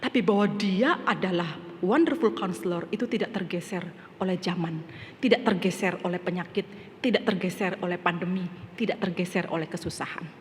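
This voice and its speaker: A middle-aged woman pastor from Indonesia preaching a sermon, telling a personal story and rising to loud, emphatic passages, mixing English phrases into her speech. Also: lowish voice, fairly quick. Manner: storytelling, swells to loud emphatic preaching, drops to soft asides. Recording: long hall reverb with faint background noise.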